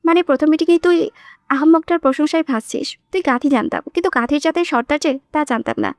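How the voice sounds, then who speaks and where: A woman's voice: high voice, very animated, fast, a little mellow, no room sound, clean studio sound. Woman voicing a hot-tempered jealous young man. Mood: scornful. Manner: curt and scornful.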